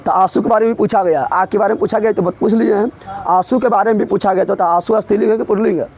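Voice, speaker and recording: A man's voice: high-pitched, steady tone, quick pace, a little mellow. A man teaching an exam-prep grammar lesson, drilling students with repeated questions and teasing them. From Bihar.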